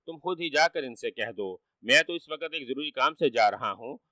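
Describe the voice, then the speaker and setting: A man's voice: mid-range voice, animated, pushed and bright, no echo. A man doing a sly teasing trickster. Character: cunning playful young male trickster.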